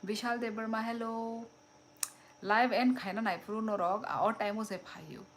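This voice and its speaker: A woman's voice: fairly high pitch, fairly even intonation, unhurried, slight background noise. A young woman hosting a casual live stream, chatting and laughing as she reads out and answers viewer comments. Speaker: livestream host.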